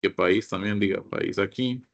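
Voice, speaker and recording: A man's voice: on the low side, moderate pace, highs cut off. A man teaching a computer course, walking his class through each step and often asking them to look. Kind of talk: screen-share software lesson.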